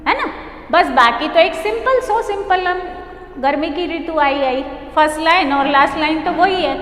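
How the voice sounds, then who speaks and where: A woman, a primary school teacher, teaching a children's poem slowly and patiently in a sing-song way, often checking with a little question. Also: sits high, a bit bright. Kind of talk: online class lesson, teaching a poem. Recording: echoey room with long reverb, faint hum.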